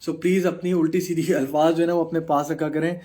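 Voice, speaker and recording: A man's voice: fairly high pitch, level tone, mellow. A man in his thirties with a Pakistani Urdu accent, chatting casually on a live stream as he reads out and answers viewer comments, mixing English into his Urdu. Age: 30s. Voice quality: mixes English into Urdu, frequent filler pauses. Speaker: bodybuilder answering live chat.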